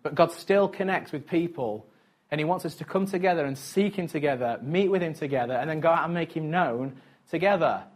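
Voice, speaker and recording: A man preaching a sermon to his congregation, talking in a relaxed, conversational way. His voice sits a little higher than most men's, and he chuckles easily between his points. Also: brisk. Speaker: pastor.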